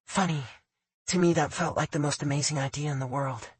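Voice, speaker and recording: A male narrator voicing a shy, breathless young woman in love, with a soft, husky voice. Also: on the high side, steady tone, a little fast, no room sound, voice pushed up. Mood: teasing.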